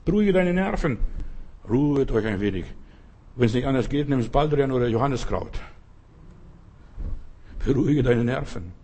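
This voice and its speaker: Husky preacher guy, emphatic, keeps repeating stuff, talks right at you. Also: medium pitch, dark tone. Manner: emphatic, repeats phrases, addresses listener as du. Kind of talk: sermon.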